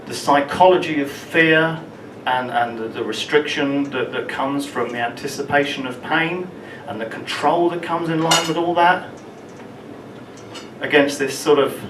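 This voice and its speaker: A man telling a personal story at an open mic, halting and often repeating words as he goes. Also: fairly high pitch. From London, England. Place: small open mic venue in a room. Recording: roomy, distant, with room ambience noise.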